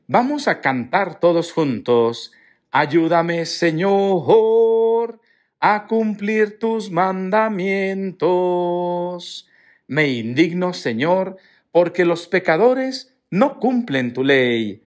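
Slow, animated priest preaching. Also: male voice, medium pitch. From Mexico. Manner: expressive storytelling, acts out quoted voices. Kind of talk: Mass readings and homily.

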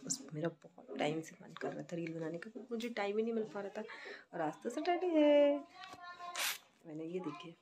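Chatty woman vlogging, noisy phone audio. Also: fairly low pitch. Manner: chatty and cheerful, addressing viewers. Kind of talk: casual daily vlog chat.

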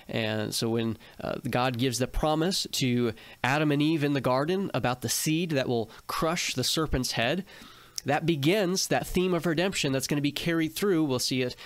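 A man's voice: medium pitch, no room sound. A man co-hosting a theology discussion podcast, explaining ideas in long runs and speeding up at times. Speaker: podcast co-host.

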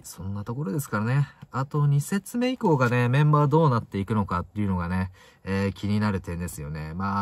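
A young man with a low voice chats casually about football as a solo vlogger, with widely swinging intonation that pushes the start of each phrase and lets the end drop away. Recorded inside a parked car, the sound is close and dry with no room sound.

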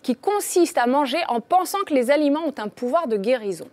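A woman dietitian, a guest on a TV show, explaining in a lively, playful way. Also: high voice, fairly quick. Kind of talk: explaining on live TV. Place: TV studio.

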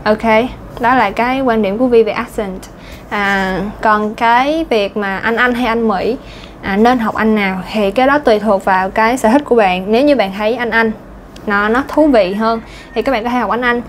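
A woman's voice: fairly high pitch, normal speed, slight background noise. A woman with a Southern Vietnamese accent, talking casually as an English pronunciation teacher, chatty and full of fillers. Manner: chatty, lots of fillers and little laughs. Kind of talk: casual chatty lesson talk.

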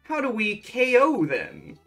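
A woman's voice: on the high side, slow pace, vocal fry, soft background music. A woman casually chatting over gameplay and reading game dialogue aloud in a playful, joking way. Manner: playful, jokey, reads game text in lively bursts. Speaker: let's play co-host.

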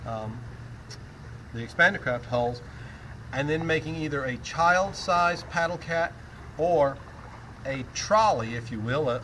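Standing outdoors in shallow water, an older man demonstrates a boat kit in a casual, conversational way full of fillers, his voice mid-range and fairly bright. A camera mic at medium distance gives a low-quality recording with a little hiss or hum.

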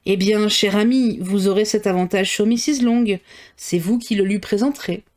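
A woman's voice: mid-range voice, a little mellow, close to an everyday voice. A woman reading as a dry, teasing father. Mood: wry. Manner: slow, ironic and mocking. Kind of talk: reading a novel aloud.

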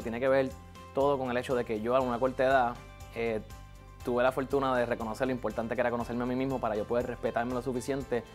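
Earnest Puerto Rican man, animated talk. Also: mid-range voice. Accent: Puerto Rican Spanish. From Puerto Rico. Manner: earnest, animated, repeats words while thinking. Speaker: real estate agent, interview guest. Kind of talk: studio interview monologue. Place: TV studio.

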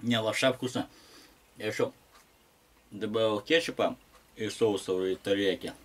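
A man talking casually to his viewers while eating noodles, with slangy asides and pauses to chew and hum. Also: lowish voice. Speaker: mukbang vlogger.

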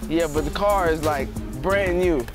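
A man's voice: on the high side, measured pace, loud music behind the voice. A young man playing a joking car salesman on an outdoor lot. He teases customers in slang and laughs a lot. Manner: laid-back, laughing, teasing slang. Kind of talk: playful comedic banter.

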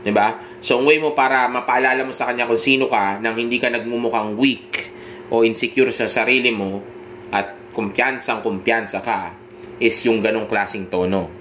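A man with a Filipino accent giving dating advice in a direct coaching monologue, often pausing to check in with the listener. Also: mid-range voice, steady tone, fairly bright tone, a little hiss or hum. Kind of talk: instructional monologue.

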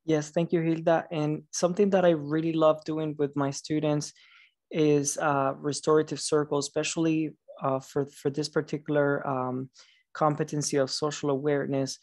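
A male trainer with a flat, even delivery explains material in an online presentation. He speaks haltingly, pausing and hesitating often as he goes. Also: fairly high pitch. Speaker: teacher trainer, webinar presenter.

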